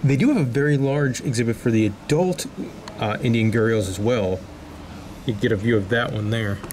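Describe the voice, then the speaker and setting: A man casually narrating a walk through a zoo, pointing out animals in a relaxed, chatty way. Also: medium pitch, a little fast. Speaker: zoo tour vlogger. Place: outdoor zoo walkways. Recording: outdoor noise around camera mic.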